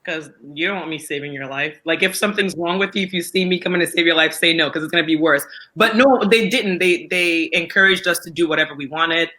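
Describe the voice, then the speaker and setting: A woman's voice: lowish voice, fast talker, hardly any pauses, pushed and bright, rough recording. A woman from Nigeria talks casually as a panel guest on a video call. She rambles cheerfully and makes fun of herself. Her tone stays loose and friendly. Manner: self-mocking, chatty.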